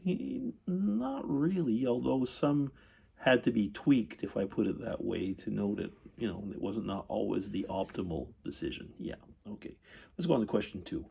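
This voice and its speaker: This vlog features an older retired man at his indoor computer, casually answering tag questions. His pitch is fairly low and his tone dark, yet he's animated, though he halts frequently with ums and throat-clearing.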